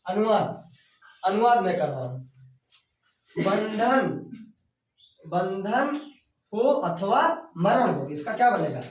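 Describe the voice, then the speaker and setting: Male teacher, board lesson, slow repeated words, chanted verses, very echoey room, voice set back from the mic. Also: high voice, very animated, recorded from a distance. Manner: repeats words slowly while writing; chants verses in a sung recitation.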